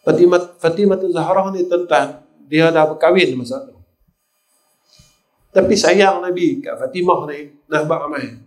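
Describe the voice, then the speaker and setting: Speaking a little slowly in a fairly high voice, an older man with a Kedah Malay accent tells stories while preaching. He often turns to the congregation, addressing them again and again as sirs.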